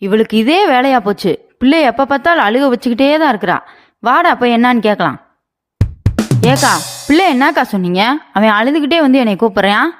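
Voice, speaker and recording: A woman's voice: fairly high pitch, expressive, brisk, soft background music, natural voice. A woman voicing a mother in a cartoon story who argues indignantly with a neighbour to defend her son. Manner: indignant, argumentative.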